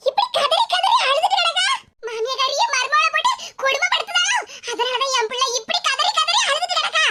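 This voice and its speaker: A loud, fiercely protective cartoon mother who calls out with a southern Tamil accent, as a woman puts her on. Her voice is shrill and very high, over a loud hiss. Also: very animated, brisk. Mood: outraged. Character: fierce, doting middle-aged mother. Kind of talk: cartoon voice acting.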